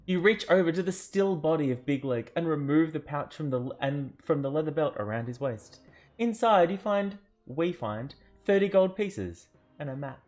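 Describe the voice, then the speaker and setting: A man narrating an interactive fantasy adventure book aloud, theatrical, with joking asides and self-corrections. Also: a little high. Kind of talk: dramatic storybook narration.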